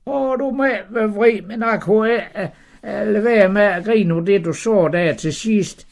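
A man's voice: sits high, gravelly, darkish tone, voice pushed up. A man voicing Sara, a shy, giggly old woman, in a stammering, flustered way. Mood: sheepish.

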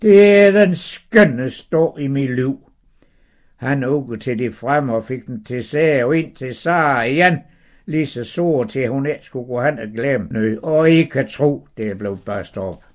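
An older man telling a Bible story in a folksy, lively way, dropping his voice on asides. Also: mid-range voice.

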